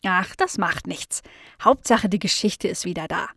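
A woman's voice: on the low side, expressive, normal speed, a bit bright, no room sound, clean studio sound. A woman voicing a cheerful young female dog in a children's storybook, with an eager, childlike manner. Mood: reassuring.

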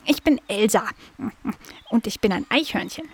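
A woman's voice: a little high, animated, normal speed, slightly rough. A woman voicing a chatty little female squirrel in a children's story. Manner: casual, chatty.

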